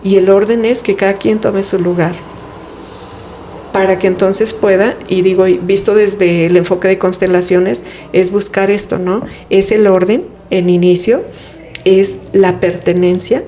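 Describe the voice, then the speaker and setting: Unhurried and mellow, a woman with a medium-pitched, fairly even voice talks as an interview guest on family therapy. She explores family dynamics reflectively, frequently asking rhetorical questions.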